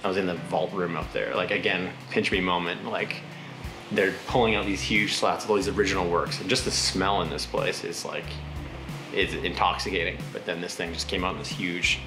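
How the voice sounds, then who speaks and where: Deep gravelly man, roomy sound. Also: steady tone, brisk. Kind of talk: documentary interview. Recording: roomy echo with music.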